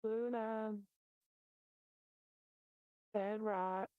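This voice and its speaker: A woman's voice: a little high, steady tone, very slow, clean tone, no room sound, phone-quality sound. A woman streamer speaking casually through a voice changer on a call.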